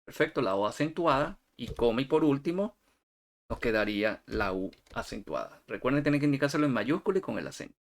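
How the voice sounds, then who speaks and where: A man teaching a software screencast, talking viewers through each step and checking in with "ok?" as he goes. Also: mid-range voice, animated, a little fast. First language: Spanish. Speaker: instructor.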